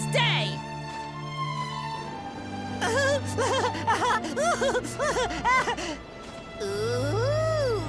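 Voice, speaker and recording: An actor voicing a small, mischievous devil monster in a video game, shrill and cackling, with a boastful theatrical manner. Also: exaggerated voice. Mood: gleeful scheming. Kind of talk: exaggerated video game voice acting. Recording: loud game music behind.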